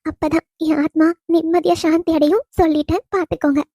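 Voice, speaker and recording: A woman's voice: extremely high pitch, level tone, brisk, dry recording, studio quality. A woman voicing a loving young wife's spirit. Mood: tender teasing. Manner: affectionate teasing, soft laughs. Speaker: dead wife visiting husband. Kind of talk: cartoon voice acting.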